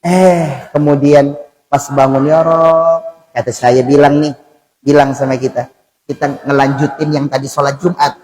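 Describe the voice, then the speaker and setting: A man preaches in a mosque, his voice sitting a little high. He talks to the congregation like a neighbor, dropping into soft asides and then rising into loud, emphatic bursts. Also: steady tone, a little slow, poor audio. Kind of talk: mosque sermon.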